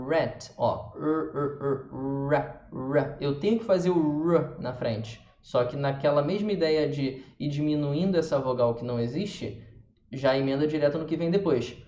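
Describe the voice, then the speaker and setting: A Brazilian man teaching English pronunciation, slowly repeating example words again and again. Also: a little high, a little mellow. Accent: Brazilian Portuguese. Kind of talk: pronunciation lesson. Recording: echoey room, dull lo-fi sound.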